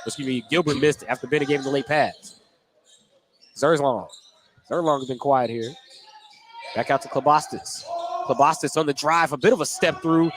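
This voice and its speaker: A man calls live radio play-by-play of a basketball game from an indoor gym, describing the action in short running phrases into a headset mic. His voice is medium-pitched, his pace moderate, with frequent pauses. Gym noise sits behind the commentary.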